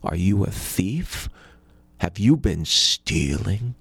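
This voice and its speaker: A man's voice: low voice, animated, slow pace, creaky, fairly bright tone, husky, no room sound, full character voice. A man voicing a rich, stingy and suspicious peasant who talks in a curt, grudging way.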